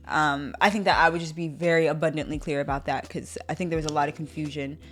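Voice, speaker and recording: A woman's voice: sits low, fast talker, soft background music. A young adult woman co-hosting a podcast, chatting casually and animatedly, with plenty of fillers. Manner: animated, laughs often, many fillers. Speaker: podcast co-host. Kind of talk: casual chat.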